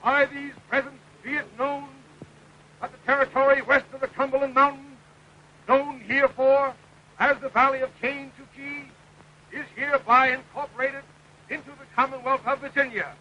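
An actor playing an official herald who reads out a proclamation in a formal, declamatory way. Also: male voice, extremely high pitch, flat delivery, moderate pace, dull audio, a little hiss or hum. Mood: proclaiming. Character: official male herald from the colonial capital, stiff and formal. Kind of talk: 1960s television drama acting.

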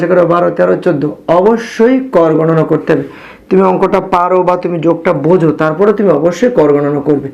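A man teaching arithmetic to young children, speaking softly and patiently, counting steps aloud and quizzing his students, with a Bangladeshi Bengali accent. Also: high voice, highs cut off. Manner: speaking softly on purpose late at night. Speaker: math teacher. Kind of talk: math lesson for young children.

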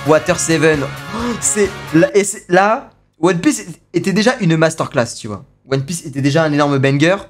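A young man narrating his reaction stream in an excited, exclamatory way, full of slang and repeated catchphrases. Faint music plays quietly behind his voice. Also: fairly high pitch, normal speed.

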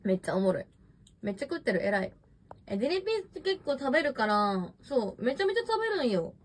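Young woman, high voice, bouncy lively intonation, casual livestream chat, rambling, smartphone mic. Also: quick pace, slight background noise. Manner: chatty and rambling, reading viewer comments. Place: messy room at home.

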